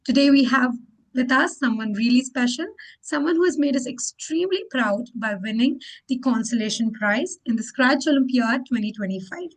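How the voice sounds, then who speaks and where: A woman's voice: sits high, animated, normal speed, rough recording. A woman hosting an interview show, asking prepared questions and answering each reply with encouraging praise. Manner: encouraging, repeats warm praise between questions. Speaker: interview host.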